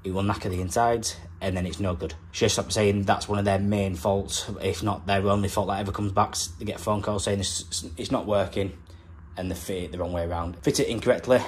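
A young man talks through his plumbing work in a relaxed, practical vlog manner. His voice sits fairly low, and he explains each step plainly as he goes. A faint hum of background noise runs under the phone recording. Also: fairly quick. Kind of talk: casual vlog narration. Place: factory floor, then a house kitchen.

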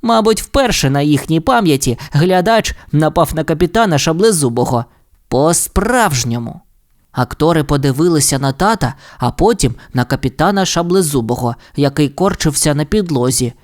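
A man narrating a children's audiobook story in an expressive, playful way. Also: a little high, moderate pace. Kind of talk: audiobook fairy tale narration.

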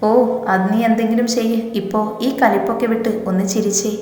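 A woman's voice: fairly high pitch, fairly even intonation, brisk, mellow, lightly acted. Woman voicing a caring, teasing young male best friend; echoey storybook reading over music. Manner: teasing, soothing. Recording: echoey reverberant hall with music.

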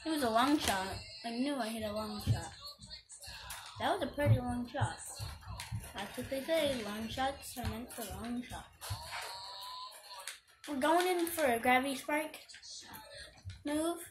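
Woman, fairly high voice, excitable gameplay commentary, self-mocking, music playing behind. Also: measured pace, pauses often. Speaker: gaming video creator.

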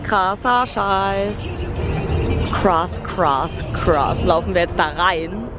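A woman vlogging with a handheld camera, excitable and slangy in a playful, casual chat. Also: lowish voice, drawn-out words, over loud music. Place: outdoors on a busy city street, then a restaurant. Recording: loud street traffic and crowd noise.

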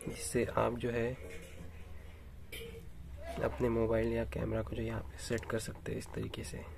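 A man's voice: fairly low pitch, measured pace, vocal fry, background noise. A man casually narrating an unboxing and setup tutorial, speaking steadily to viewers while his hands work on a table at home. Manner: steady explanatory, frequent address to viewers. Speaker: unboxing vlogger. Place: indoors at home, camera over tabletop.

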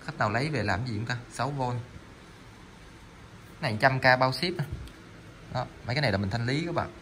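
A man's voice: medium pitch, fast talker, fairly bright tone, slight background noise. A man selling salvaged electronic parts online, chatting casually while demonstrating them, rambling with frequent fillers and repeated words. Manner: rambling, stammering, lots of fillers.

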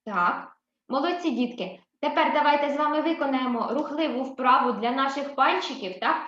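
A woman teaching a first-grade writing lesson with a Ukrainian accent, speaking slowly and patiently and praising the children often. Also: high voice, fairly bright tone. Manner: encouraging, often asks "так?" and praises the children. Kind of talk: slow, patient classroom instruction. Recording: roomy, slightly dull recording.

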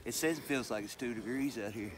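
A man's voice: mid-range voice, quick pace, slight background noise. A man, a fellow hiking vlogger, chatting good-humoredly outdoors at a snowy campsite in the morning. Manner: good-humored, laughs often. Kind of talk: casual morning chat at camp.

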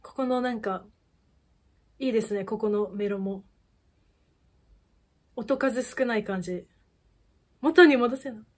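A young woman chats over a music video in a casual reaction style. Her voice sits fairly high, and she gushes with quick exclamations and bursts of laughter. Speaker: idol fan YouTuber.

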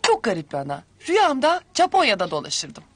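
A woman's voice: fairly high pitch, huge pitch swings, a little fast, dry recording. A young woman playing a sly, playful daughter in a television sitcom, theatrical and exclamatory. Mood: feigned innocence. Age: young adult.

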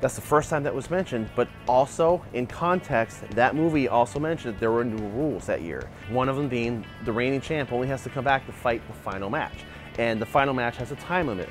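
Animated man arguing a point outdoors. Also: mid-range voice. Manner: animated, gestures a lot while arguing a point. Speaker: martial arts channel host. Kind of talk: opinionated video commentary. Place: outdoor backyard by a wooden fence. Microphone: lapel mic.

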